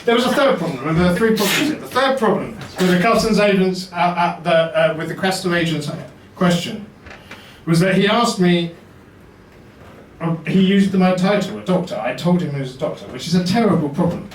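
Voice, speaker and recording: A man's voice: sits high, expressive, a little fast, recorded from a distance, slight background noise. A man performing a wry, self-deprecating stand-up comedy set in a basement comedy venue. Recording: roomy echo, mic heard from afar.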